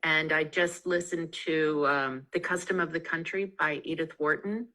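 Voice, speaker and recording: A woman with a low, bright and forceful voice talks about books in a chatty interview. She fills her sentences with ums and restarts. She is speaking over a video call mic. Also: normal speed, poor audio. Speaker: author being interviewed. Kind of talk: casual interview chat.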